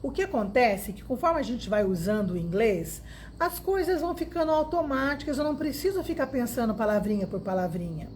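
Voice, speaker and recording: A woman teaching English in a casual video lesson, talking lively and directly to the viewer. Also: on the high side, a little hiss or hum. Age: 50s.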